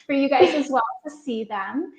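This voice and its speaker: A woman's voice: sits high, animated, normal speed, over a noisy crowd. A woman from Chicago introducing herself as a special events coordinator on a video call, upbeat and friendly. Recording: echoey room on a video call.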